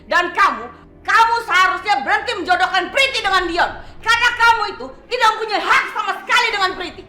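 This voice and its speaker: A scornful, scheming mother in a dubbed soap drama, sharp and insistent. Her voice sits very high and bright, ringing in an echoey room while faint music plays underneath. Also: lively intonation, fast, heavily acted. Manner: accusing, mocking, insistent. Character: scornful scheming Indian mother, middle-aged woman.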